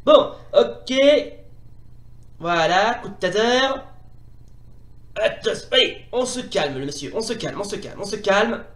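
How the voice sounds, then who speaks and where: A man commentating excitably as he plays a retro fighting game, often exclaiming and repeating himself. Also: sits high, a little slow, long pauses, reverberant. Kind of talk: playing while commentating.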